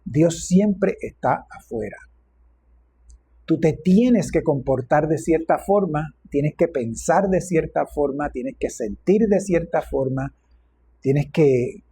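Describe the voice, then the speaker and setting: A man preaching a reflective, gently humorous sermon as a minister. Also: a little high, husky.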